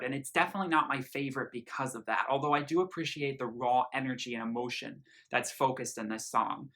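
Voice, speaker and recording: A man reviews an album casually and effusively, his mid-range voice bright and forceful. Earnest throughout, he hits words with emphasis and quotes lyrics aloud as part of his commentary.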